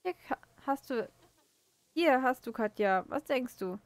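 A woman reading a kind stable-owner woman from a horse game who thanks the player warmly. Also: high voice, expressive, unhurried, no echo. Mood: grateful.

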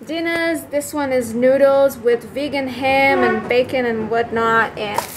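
An unhurried, high-voiced woman in her twenties hosts a casual cooking vlog from a small apartment kitchen, addressing a handheld camera over background noise. Bubbly and excited, she tastes the food on camera.

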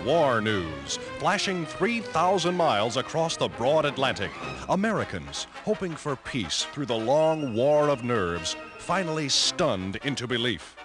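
An old newsreel narration by a man, delivered in a dramatic, emphatic announcer style. His voice swoops up and down with great expression, and a clear music score plays underneath him. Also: mid-range voice, big pitch swings, unhurried.

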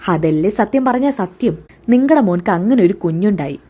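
A suspicious, defiant middle-aged mother who fires back sharp, probing retorts, as a woman reads her part in a storybook retelling. The voice is mellow and soft in tone and sits at a middling pitch. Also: lively intonation, normal speed, natural voice.

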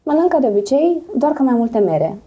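A woman's voice: high voice, sing-song, muffled recording. A pregnant woman in her thirties with a Moldovan accent, a singer and presenter speaking candidly and animatedly as an interview guest, laughing often. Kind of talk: relaxed interview chat.

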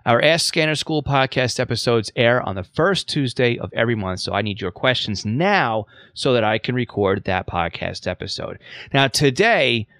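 A man's voice: mid-range voice, animated, normal speed, a bit bright, dry recording, clean studio sound. A man with a New York accent hosting a casual spoken lesson, chatty, repeating himself with self-mocking asides. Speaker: podcast host and teacher.

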